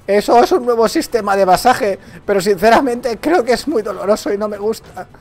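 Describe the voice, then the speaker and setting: A Spanish man with a Valencian accent giving casual, joking commentary as he plays a game, shouting and yelping when things go wrong. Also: high-pitched, brisk, faint music behind. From Spain. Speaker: gaming streamer.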